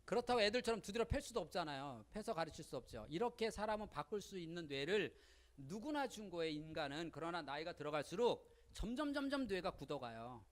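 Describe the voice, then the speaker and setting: A woman giving a lively seminar lecture on parenting, speaking colloquially, often asking the audience questions and acting out little quotes. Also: fairly low pitch, a little fast. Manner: colloquial, with frequent rhetorical questions and acted-out quotes.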